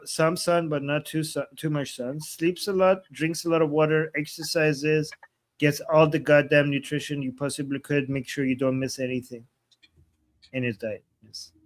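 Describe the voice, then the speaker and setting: Playful higher-voiced man in his forties. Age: 40s. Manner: playful, laughs easily, rambling health advice. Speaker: co-host of a live stream. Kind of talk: casual live-stream chat.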